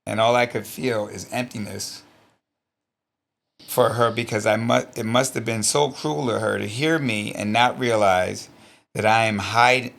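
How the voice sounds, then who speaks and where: Gravelly middle-aged guy in an interview, low voice, blunt and emotional, cusses a lot. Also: fairly bright tone. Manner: blunt, earnest, swears freely; emotional, close to tears. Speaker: interview guest, stunt performer. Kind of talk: reading old journal, then reflective interview talk.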